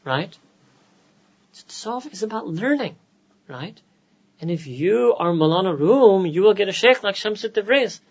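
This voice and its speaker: An American man, a scholar, giving a conversational religious lecture to a gathering with quick joking asides. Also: high-pitched, lively intonation, low-quality recording. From United States.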